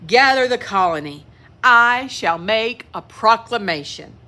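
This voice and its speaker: Elderly, regal storybook mole rat grandpa played by a woman: stately proclamations, slow, with wide swoops. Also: on the high side, animated, bright, forceful tone. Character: heroic, regal, wise old grandfather naked mole rat.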